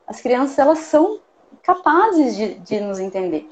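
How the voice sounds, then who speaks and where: A woman's voice: a little high, big pitch swings, measured pace, a little hiss or hum. A woman giving earnest parenting advice in a casual talk, often checking in with "né?". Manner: earnest, explains with many "né?" tags. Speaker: parenting guest expert.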